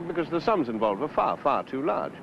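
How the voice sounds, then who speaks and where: Wry british police boss, clipped n authoritative, middling pitch, muffled old 70s tv drama audio. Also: male voice, sing-song, brisk, gravelly. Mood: measured, explanatory. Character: wry senior British detective briefing his subordinate. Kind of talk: 1970s British television drama dialogue. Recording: dull, noisy 1970s television location sound.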